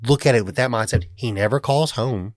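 Man, podcast co-host, casual movie chat, loose conversational talk, mid pitch, dry close sound. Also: fairly quick, dry recording. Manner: conversational, with fillers and laughs.

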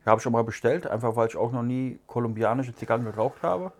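A man, co-hosting a casual cigar review chat, relaxed and musing with fillers. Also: mid-range voice, fast. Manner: relaxed, chatty, muses with fillers. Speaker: podcast co-host.

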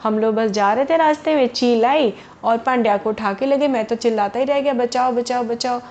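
A woman's voice: a little high, moderate pace, darkish tone, close to an everyday voice. A woman voicing a clever, sly young village man who outwits a cheat in a children's storybook tale. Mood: insistent. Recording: dull lo-fi recording.

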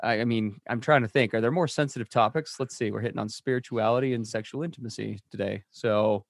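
Male podcast co-host, energetic casual talker, dry close mic. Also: medium pitch, quick pace, vocal fry, dry recording. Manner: energetic, chatty, with restarts and fillers.

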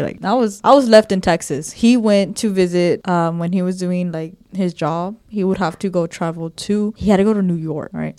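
A woman's voice: fairly low pitch, a little mellow, no echo. Profane rambling storyteller woman. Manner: profane, rambling, mixes in Spanish words. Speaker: podcast host. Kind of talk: casual storytelling.

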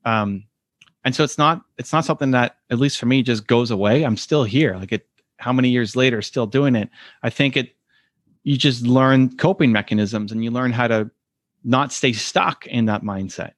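An earnest man, recorded with a dry, close sound, speaks at a moderate pace as a podcast guest. He gives reflective, conversational interview answers and lifts his pitch to act out the voices he quotes.

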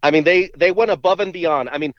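A man's voice: on the high side, quick pace, no room sound. Man on a dull phone line, stammering. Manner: stammers and repeats words at starts. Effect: heard over a phone call. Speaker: podcast co-host. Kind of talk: casual podcast chat.

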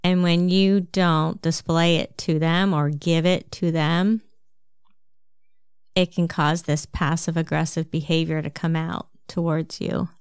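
A woman with a New Jersey accent giving a calm, measured self-help talk, explaining things step by step. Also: sits low, clean tone, no room sound, studio quality.

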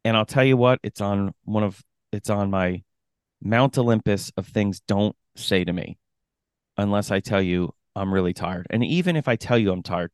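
Male coach co-hosting a chat podcast: low-voiced, emphatic, quick to laugh, close dry mic. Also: a little mellow, smooth, no echo. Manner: emphatic, laughs often while making a point. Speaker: running coach and podcast co-host. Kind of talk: casual chat.

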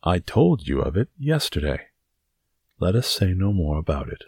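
A man voicing a mild, patient, witty musketeer in an audiobook adventure story, speaking in a measured, understated way. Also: extremely low pitch, very animated, darkish tone, no echo, studio quality, exaggerated voice. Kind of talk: dramatised audiobook reading of a classic adventure novel.

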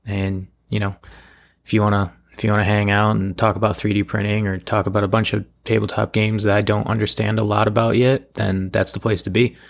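Casual male podcast host, lowish and gravelly, allergy-hoarse, digressive and self-deprecating in unscripted solo chat. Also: little pitch movement, brisk. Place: at home, in a room below a bathroom.

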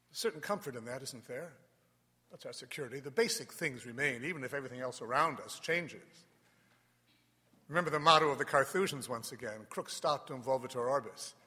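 A man speaking as a priest in a large, echoing church, reading scripture and preaching in a solemn, deliberate way with pauses. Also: medium pitch, pushed and bright. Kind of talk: Gospel reading and homily.

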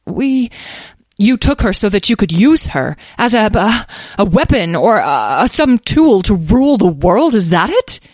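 A woman's voice: low-pitched, big pitch swings, slow, few pauses, darkish tone, dry recording, studio quality, exaggerated voice. A woman voicing a fierce mother dragon who demands answers in a raised, pleading voice. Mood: accusing, anguished.

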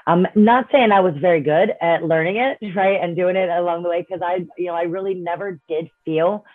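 Her voice on the low side and fairly quick, a woman in her 50s chats as a guest in a casual interview, recorded dry and tinny like a phone line with no echo. She coaches and gives talks, and she keeps things upbeat, often closing with "right?" and "you know".

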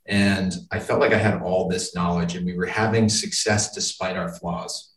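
Recorded from afar in an echoey room, with a little hiss or hum, an American interview guest from suburban Boston explains his answers conversationally. He works in business and speaks at a moderate pace in a low-pitched voice with fairly even intonation.

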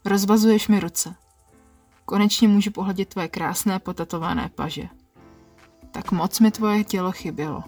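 A woman narrating an erotic story in the first person, quiet and intimate, with a husky voice. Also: mid-range voice, faint music behind. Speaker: podcast narrator.

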